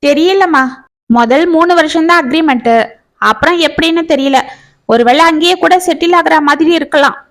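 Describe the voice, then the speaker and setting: A woman voicing a young adult daughter speaking in a brisk, offhand way. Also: high voice, a bit bright. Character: young adult daughter, matter-of-fact, busy.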